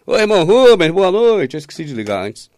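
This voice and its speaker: Man, informal online sermon, sarcastic, swings between loud and hushed, higher-pitched voice. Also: very animated, fairly quick, no echo, clean studio sound. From Minas Gerais, Brazil. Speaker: preacher.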